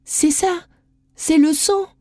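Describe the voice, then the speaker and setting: A woman's voice: unhurried, no echo, clean studio sound. Woman doing an anxious young girl. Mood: excited. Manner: high, excited exclamations.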